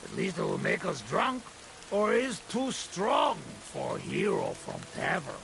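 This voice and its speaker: An actor playing a gruff, superstitious male woodcutter in a video game, speaking, broken grammar and a teasing, earnest manner. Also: sits high, huge pitch swings, measured pace, fairly bright tone, slight background noise, exaggerated voice.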